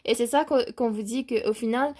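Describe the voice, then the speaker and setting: A young woman vlogging casually while travelling, chatty and excitable, who laughs often, mixes in English words and trails off mid-thought. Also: fairly high pitch, moderate pace. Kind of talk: casual motivational vlog. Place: travelling in South Africa.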